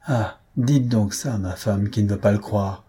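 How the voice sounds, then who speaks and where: A jovial middle-aged husband teases at an unhurried pace, played by a male narrator. The voice is low and husky. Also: warm tone. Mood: teasing.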